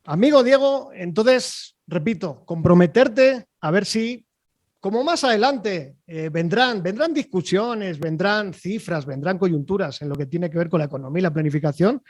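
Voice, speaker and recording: A man hosting an online interview over a video call, chatty and rambling, filling pauses with "eh" and checking in with "¿vale?". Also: high-pitched, lively intonation, dry recording, clean studio sound. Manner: chatty, rambling, with frequent fillers and "¿vale?" tags. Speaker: host.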